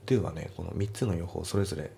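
A man teaching English, patiently going over test answers and repeating pronunciations slowly, often dropping into whispery asides. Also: deep voice, vocal fry, mellow, a little hiss or hum.

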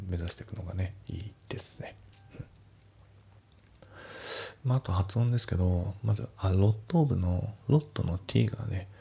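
A man's voice: low voice, creaky, dark tone, breathy edge. A man teaching English grammar and pronunciation, often trailing off to a near whisper at the ends of sentences.

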